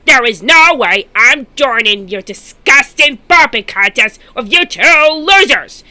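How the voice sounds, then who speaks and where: Lady doing a fed up cartoon octopus guy, very sharp bright voice, highish, scolding slowly. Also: expressive, heavily acted. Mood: indignant. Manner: exasperated, scolding.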